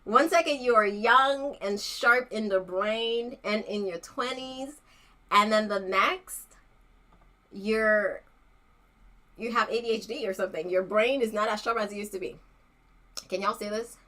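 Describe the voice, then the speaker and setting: A woman's voice: mid-range voice, a little slow, pushed and bright. A woman in her thirties hosting a casual livestream chat about hair, playful and chatty, laughing often. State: out of breath from running up stairs.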